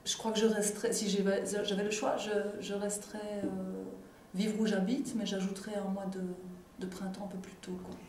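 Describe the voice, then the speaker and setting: Young woman interviewee, hesitant; mellow, even delivery. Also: mid-range voice, moderate pace, a little hiss or hum. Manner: hesitant, stammering, reflective. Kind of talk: casual interview answers. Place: small room with brick wall. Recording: echoey room.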